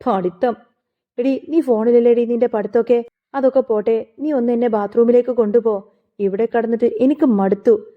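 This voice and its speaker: A woman's voice: on the high side, steady tone, moderate pace, close to an everyday voice. A woman voicing a proud, bedridden middle-aged mother who scolds sharply. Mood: scolding. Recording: phone-like narrow sound.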